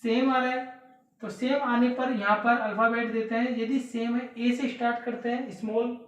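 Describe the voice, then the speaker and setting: This exam prep teacher speaks at a moderate pace in a level tone, her voice a little high. She walks through the material step by step, repeats key words and asks rhetorical questions, recorded in an echoey room at a distance from the mic.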